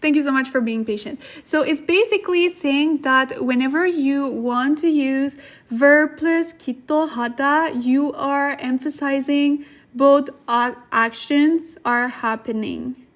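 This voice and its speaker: Hosting a casual language-study livestream, a woman with a high-sitting, unhurried voice reads viewer comments and chats with them in a giggly way. She mixes lesson and conversation, repeating herself for emphasis.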